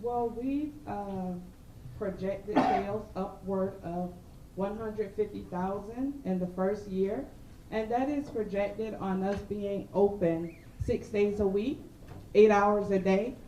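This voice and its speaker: A woman pitching her business to a panel of judges, speaking in a measured, emphatic way and then answering their questions. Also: dark tone, recorded from a distance, a little hiss or hum. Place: event hall. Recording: echoey hall, dull lo-fi sound.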